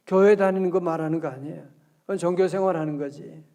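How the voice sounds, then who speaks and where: A male pastor preaching at an early-morning prayer service, talking in a lively, conversational way and often asking the congregation questions, with slow scripture readings. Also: fairly high pitch, vocal fry. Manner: reads scripture aloud slowly.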